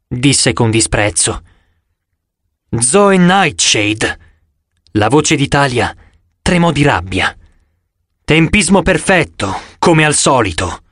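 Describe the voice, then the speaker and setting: Expressive male audiobook narrator. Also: a little high, no room sound, studio quality. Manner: expressive, dramatic reading. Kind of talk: scripted narration.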